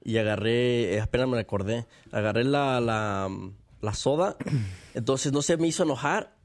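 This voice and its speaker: A man's voice: mid-range voice, moderate pace. A man chatting casually in a group, telling a story with lots of laughter. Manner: animated storyteller, laughs often.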